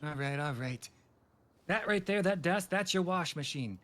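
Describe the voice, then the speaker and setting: Guy with a pretty high voice, rambling and chatty, setting up a silly roleplay scene. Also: expressive, normal speed, a bit bright. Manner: chatty, rambling, slips into panicky comic yelping. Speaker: interviewer running a roleplay scenario. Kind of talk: in-character game roleplay.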